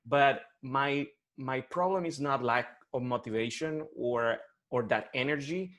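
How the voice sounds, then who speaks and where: Speaking as a client in a private coaching session by video call, a Colombian man in his forties talks haltingly with repeated restarts. He has a Colombian Spanish accent, medium pitch, and a fairly bright tone.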